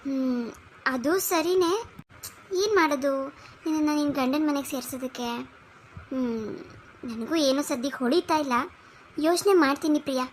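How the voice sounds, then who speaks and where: A young cartoon wife, voiced by a woman, with a very high voice. She talks in a firm, encouraging way, like a caring elder sister. A faint hiss sits behind her. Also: normal speed, pauses often, natural voice.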